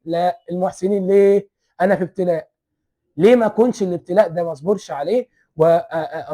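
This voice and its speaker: A young Egyptian man rushes through a fervent religious pep talk at breakneck speed, piling up oaths for emphasis. His voice is husky and dark, sitting a little high for a man. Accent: Egyptian Arabic. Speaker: religious speaker.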